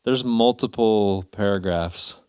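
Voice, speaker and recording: A man's voice: fairly low pitch, takes it slowly, darkish tone, clear, resonant tone, no echo, studio quality. A man co-hosting a webinar, easygoing, reading chatbot answers aloud between short agreements. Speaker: co-host. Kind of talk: casual chat, reading aloud.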